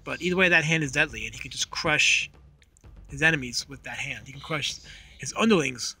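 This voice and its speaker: A man's voice: medium pitch, a little fast, pushed and bright, husky. A middle-aged man giving casual, unscripted drawing commentary outdoors, hesitant and thinking aloud as he works. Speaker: comic artist, video host.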